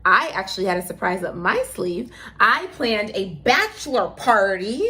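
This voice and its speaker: A woman's voice: mid-range voice, big pitch swings, moderate pace, pushed and bright. Effusive chatty woman co-hosting a show. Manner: chatty and effusive, addresses viewers as y'all. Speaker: co-host. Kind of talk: casual chat show.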